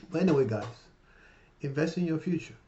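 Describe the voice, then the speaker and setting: A finance vlogger in his fifties talks casually to camera with a highish, lively voice, a little fast, in a recording with the highs cut off. He rambles warmly and with heart, keeps saying "right?" and "you guys," and grows emotional about his mother in this motivational chat.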